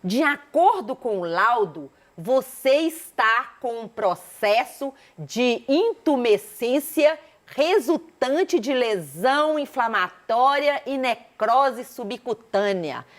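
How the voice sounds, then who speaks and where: A woman voicing a male comic-strip doctor who speaks in formal medical jargon, read slowly and deliberately. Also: fairly high pitch, lively intonation.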